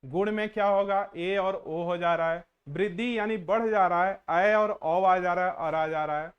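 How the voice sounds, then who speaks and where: High-voiced man teaching grammar, drawing out sounds. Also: clear, resonant tone, highs cut off. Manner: drills sounds slowly, quizzes the viewer. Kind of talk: exam-prep grammar lesson.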